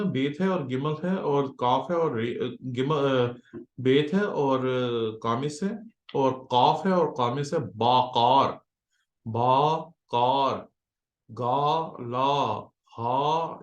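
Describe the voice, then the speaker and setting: A man's voice: on the high side, reverberant. A man teaching the Hebrew letters and vowels as a pastor, spelling them out one by one and often checking that the listener follows. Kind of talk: slow drilled Hebrew lesson in Urdu-Hindi.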